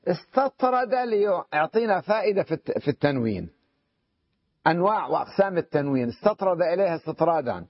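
A man with a fairly high voice teaches a grammar lesson, stopping again and again to ask his students whether they follow. He slows right down to read out quoted lines. The recording is dull and lo-fi. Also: very animated, dry recording. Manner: checks understanding with frequent questions to students. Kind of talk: classroom lesson.

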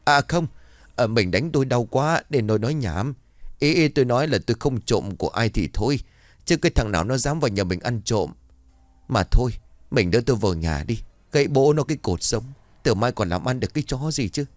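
A man's voice: medium pitch, expressive, a little fast, dry recording, studio quality, pitched above the performer's own voice, lightly acted. A man doing a whining, stammering beaten husband. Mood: pleading.

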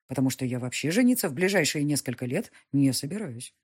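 A woman's voice: very deep voice, animated, fast talker, a little mellow, slightly rough, full character voice. Woman voicing a stubborn young nobleman. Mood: insistent. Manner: sullen, insistent.

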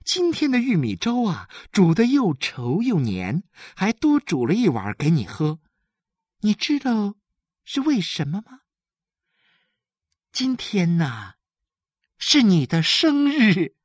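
A man's voice: high-pitched, huge pitch swings, slow, pauses often, no room sound, clean studio sound, pitched above the performer's own voice, exaggerated voice. A man reading aloud as a cheerful, caring mother, raising his voice into a lilting, coaxing tone. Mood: tender.

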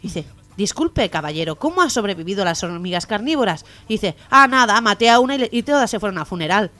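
A woman co-hosting a radio comedy show, telling jokes in a lively, playful way. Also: medium pitch, fast talker.

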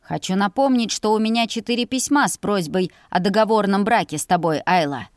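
A woman's voice: mid-range voice, fairly quick, no echo, lightly acted. The stern head of a family who lays down the law in firm, emphatic declarations, as a woman reader puts him on. The storybook reading is dry and close.

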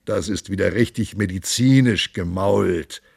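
A man's voice: measured pace, creaky, breathy edge, dry recording, studio quality, exaggerated voice. A man doing a boisterous, bawdy drinking monk. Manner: loud, hearty, high-pitched boisterous delivery. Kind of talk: audiobook character voice.

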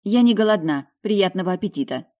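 A woman voicing a feisty young noblewoman who turns loud, shrill and bossy when provoked. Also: expressive, brisk, lightly acted. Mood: indignant.

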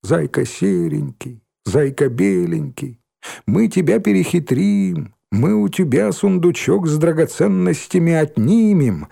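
A man voicing a sly, mocking schoolgirl who teases in a drawn-out sing-song. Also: a little high, vocal fry, mellow, heavily acted. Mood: teasing.

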